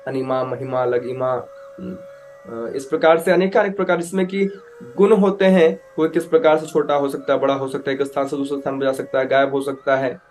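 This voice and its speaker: A man telling a devotional scripture story as a preacher, animated, acting out characters and mixing in English words. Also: mid-range voice, fairly quick, faint music behind. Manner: animated storyteller, acts out voices with loud outbursts; mixes English words into Hindi.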